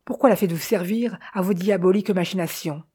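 A woman's voice: fairly low pitch, quick pace, breathy edge. A woman reading an audiobook voices a proud male crime writer who speaks insolently and with cutting anger. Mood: indignant. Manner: insolent, sharp and heated.

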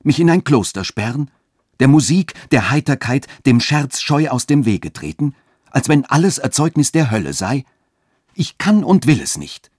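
A man voicing a young widow who reasons calmly and gently but stays firm. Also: low-pitched, normal speed, breathy edge, dry recording, clean studio sound, full character voice. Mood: gently reasoning.

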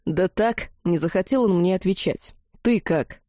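A woman voicing a shy young male mage with a deep bass voice, speaking quietly. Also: a little slow, dry recording, clean studio sound. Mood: calm. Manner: quiet and uneasy.

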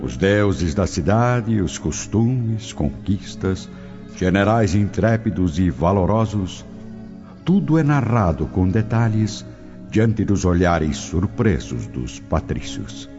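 A man with a low, expressive voice takes it slowly as he solemnly narrates a scripted radio drama about ancient Rome. Prominent music plays over the dull lo-fi recording.

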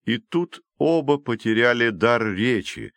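A man reading an audiobook in a steady, measured storytelling voice. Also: mid-range voice, creaky, no echo, clean studio sound. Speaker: audiobook reader. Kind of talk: scripted audiobook narration.

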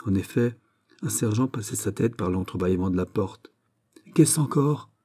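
Man reading a classic novel, dark voice. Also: on the low side, brisk, breathy edge. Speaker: audiobook reader. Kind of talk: literary audiobook narration.

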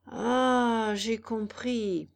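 A woman voicing a calm, kindly female snail who speaks in a drawn-out, unhurried way. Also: on the high side, vocal fry, full character voice. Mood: placid.

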